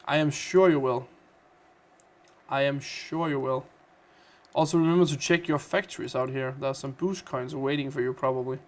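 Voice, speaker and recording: A man's voice: medium pitch, fairly even intonation, moderate pace. A man with a Danish accent hosting a casual gaming livestream, chatty and playful as he reads out and answers viewer comments. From Denmark. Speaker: livestream host.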